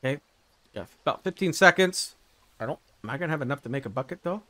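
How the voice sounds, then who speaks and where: A man's voice: a little high, expressive, fast talker, bright, forceful tone, no room sound. A man casually thinking aloud as he plays a survival game, unsure and often muttering to himself. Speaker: gameplay streamer. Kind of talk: casual let's-play commentary.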